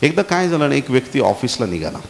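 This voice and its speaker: A man's voice: medium pitch, sing-song, fast, gravelly. A man preaching a sermon as pastor, telling stories with animation and calling on the congregation for amens. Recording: echoey hall with faint hiss.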